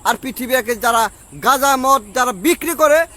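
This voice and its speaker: Very high, sharp-voiced Bangladeshi man, belligerent intoxicated street rambler, faint street noise behind. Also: moderate pace. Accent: Bangladeshi Bengali. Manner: rambling, belligerent intoxicated rant, repeats himself insistently. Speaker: street interviewee. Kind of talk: street interview rant. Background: outdoor traffic and street ambience.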